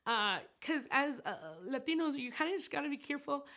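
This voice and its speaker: An actress and set designer being interviewed chats casually about making her film in a high, bright, pushed voice. She talks briskly with lively intonation, giggling and rambling with lots of fillers.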